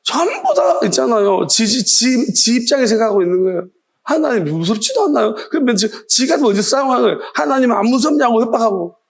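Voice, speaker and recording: A man's voice: extremely high pitch, big pitch swings, a little fast, breathy edge. A male pastor preaching a sermon, firing off challenging rhetorical questions in a scolding tone.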